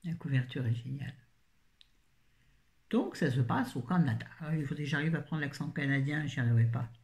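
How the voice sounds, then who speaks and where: A woman's voice: sits low, lively intonation, fairly quick, a little mellow. Chatty woman reviewing books. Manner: chatty, rambling, self-correcting, jokey asides. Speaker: book reviewer. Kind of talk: casual book review chat.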